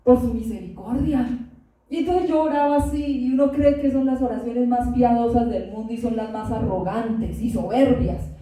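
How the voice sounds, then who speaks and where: A woman's voice: on the high side, moderate pace, mellow, recorded from a distance. A woman pastor preaching a sermon, giving testimony and asking the congregation questions. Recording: very echoey room, voice from afar.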